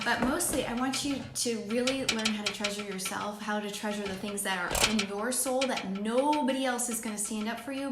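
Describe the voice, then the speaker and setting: A woman's voice: mid-range voice, echoey room, background noise. A woman talking to camera as a vlogger and life coach, earnest and heartfelt, sometimes restarting when moved. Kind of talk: casual talk to camera.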